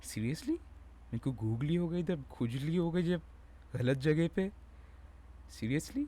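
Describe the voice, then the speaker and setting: A man's voice: fairly high pitch, animated, takes it slowly, mellow. Rambling, joking young man. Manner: rambling, self-mocking, slangy and crude. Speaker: vlogger. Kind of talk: casual joking chat to camera. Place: at home.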